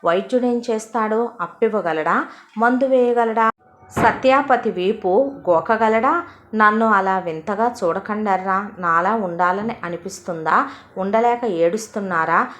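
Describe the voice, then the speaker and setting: A woman's voice: medium pitch, normal speed, a bit bright, lightly acted. A woman voicing a rambling, half-mad elderly father who speaks in philosophical wordplay, for an audio story. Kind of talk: Telugu audio story acting.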